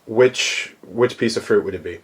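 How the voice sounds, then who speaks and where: A man's voice: fairly low pitch, normal speed. A man asking questions casually as an interviewer.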